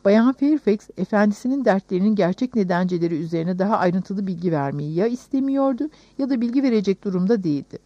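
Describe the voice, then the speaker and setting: A woman narrating a novel in the first person with calm, measured storytelling, on a dull recording. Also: mid-range voice, dry recording. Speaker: audiobook narrator.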